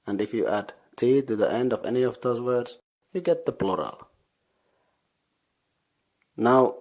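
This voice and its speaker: A man's voice: medium pitch, a little mellow. A man with a Finnish accent, hosting a podcast, teaching Finnish words for board gamers syllable by syllable, recorded in a sauna. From Finland. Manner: patient, slow, spells out syllables. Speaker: podcast host. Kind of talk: language lesson for board gamers. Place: sauna, indoors, not heated.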